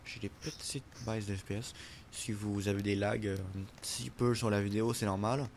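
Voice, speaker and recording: A man's voice: on the low side, level tone, moderate pace, darkish tone, slight background noise. A man, chatting playfully during a game, with mock-formal asides. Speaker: gamer co-host. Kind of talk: casual gameplay chat.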